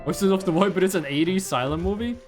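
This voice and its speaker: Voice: mid-range voice, fast, over music. A video game streamer giving casual live commentary, joking around, talking to chat and swearing casually.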